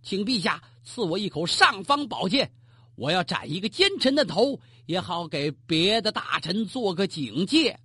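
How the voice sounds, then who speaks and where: A storyteller putting on a scrawny but hot-headed male official who bellows his accusations before the throne, his husky voice leaping up and down in pitch. It is a dry, close storytelling recording. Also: big pitch swings, normal speed, no room sound, heavily acted. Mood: indignant. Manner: shouting, impassioned. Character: blunt fiery male county official pleading at court.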